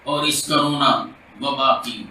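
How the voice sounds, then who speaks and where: Bright-voiced imam praying in an echoey mosque. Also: male voice, medium pitch, fairly even intonation, distant mic. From India. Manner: slow chanted prayer, drawn-out lines. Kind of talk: Friday sermon supplication.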